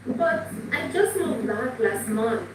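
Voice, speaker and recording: A gentle, caring young woman, read aloud by a woman storyteller, soft-spoken and encouraging, her voice a little raised and lively. She sounds distant from the mic in a very echoey room with faint noise behind. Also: on the high side, slow.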